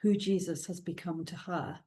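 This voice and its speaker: At normal speed and with fairly even intonation, a middle-aged native Welsh speaker from South Wales talks in a low voice during a relaxed interview. She's a guest author with a Welsh accent, warm and chatty, frequently laughing and saying "um."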